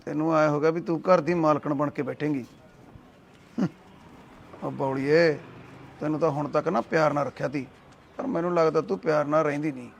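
An actor playing a threatening male relative in a Punjabi short drama, speaking in a low, muttered, menacing way. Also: fairly even intonation, fairly quick, creaky, pauses often, slight background noise.

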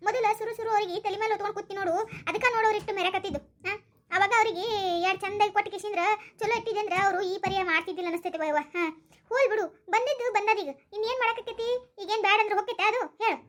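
A chatty village woman with a North Karnataka accent fires off questions and advice at a brisk clip, played by a woman. Her voice is very high and quick, with plenty of rhetorical asides in a rural comedy skit. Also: a bit bright. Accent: North Karnataka Kannada.

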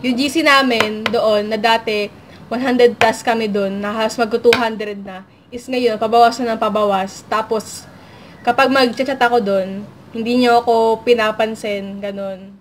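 A young woman from the Philippines talks straight to her viewers in a loose, rambling way, circling back with fillers and sounding apologetic and a little sad. Her voice sits a bit high, and there is a faint hum of background noise. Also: steady tone, measured pace. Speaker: vlogger and online story writer. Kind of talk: casual talk to camera.

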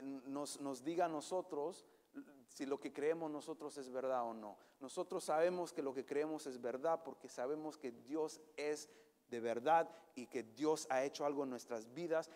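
A male pastor giving an animated sermon, sometimes slipping English words into his preaching. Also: on the high side. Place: church hall. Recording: long church hall reverb.

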